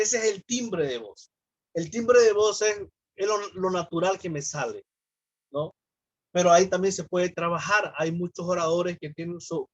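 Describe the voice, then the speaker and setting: A man's voice: high voice, no echo, highs cut off. A man, a pastor, teaching a church class on public speaking. He explains terms, asks the class questions and acts out sample greetings.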